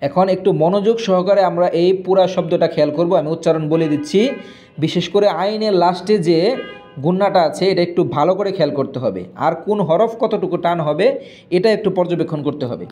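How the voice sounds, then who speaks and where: A man teaching a Quran reading lesson, spelling out letters slowly with long drawn vowels, then explaining quickly to his students. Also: sits high, expressive, warm tone, faint music behind.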